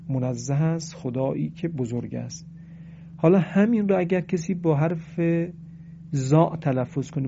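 Gravelly, dark-voiced man teaching recitation. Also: mid-range voice, highs cut off, slight background noise. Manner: explanatory, recites Arabic verses slowly. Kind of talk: religious lesson.

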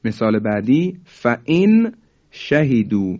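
A man teaching Quran recitation. He rushes through his explanations, then recites each example slowly and repeats it. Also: medium pitch, very animated, a little mellow, dull audio. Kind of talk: recitation lesson.

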